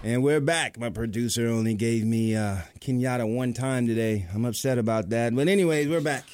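A man's voice: medium pitch, a little mellow, clear, resonant tone. Chatty radio host man. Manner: chatty, laughs often, Southern "y'all". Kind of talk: casual studio interview. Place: radio studio.

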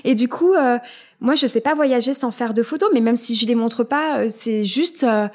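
A woman's voice: on the high side, normal speed, a little mellow. A woman guest in a casual interview, talking with many fillers and restarts.

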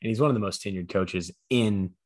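A young American man chats casually as co-host of a sports podcast. His voice sits low, and the recording is dry and close. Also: brisk, no echo.

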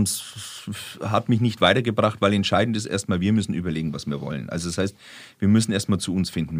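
A man talking as a guest in a casual podcast chat, telling stories in lively bursts. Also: fairly low pitch, no room sound. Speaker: star chef guest.

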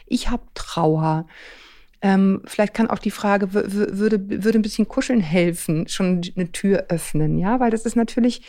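A woman's voice: medium pitch, moderate pace, hardly any pauses, warm tone. A woman co-hosting a casual podcast conversation, reflective and affirming, often murmuring agreement and asking follow-up questions. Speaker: podcast co-host.

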